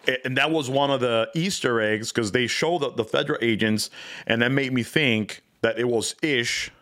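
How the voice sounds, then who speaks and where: A man's voice: medium pitch, normal speed, fairly bright tone. Rambling male podcast co-host. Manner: rambling, many fillers and restarts. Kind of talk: casual review chat.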